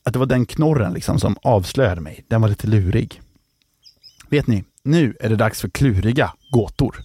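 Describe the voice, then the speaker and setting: A man's voice: on the low side, lively intonation, mellow, husky, no echo. A man hosting a children's podcast, telling jokes and reading out riddles in a playful way, stretching out the questions. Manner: jokey, drawn-out riddle reading.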